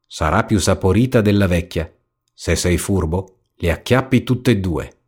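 A man voicing a sly, greedy wolf in a spoken storybook, low and coaxing. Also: lively intonation, normal speed, a little mellow, slightly rough. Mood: scheming.

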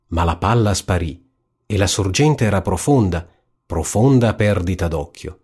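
A man narrating a fairy tale in a calm, even storybook reading. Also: sits low, slightly rough.

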